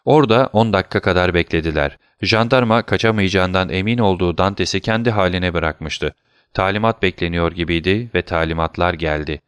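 A man narrating a classic novel as a steady, measured audiobook reader. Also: sits low, smooth, no room sound, clean studio sound.

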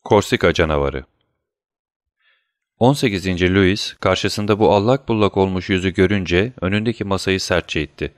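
A man narrating a classic novel in a measured, scripted reading. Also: low-pitched, no echo, studio quality. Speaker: audiobook narrator.

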